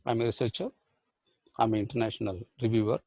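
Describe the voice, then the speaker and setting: Man, Indian English accent, professor, motivational online lecture, gravelly husky voice, rhetorical questions. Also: lowish voice, steady tone, fast, warm tone, no room sound. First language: Badugu. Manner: rhetorical questions, repeated phrases. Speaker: professor and life skills trainer.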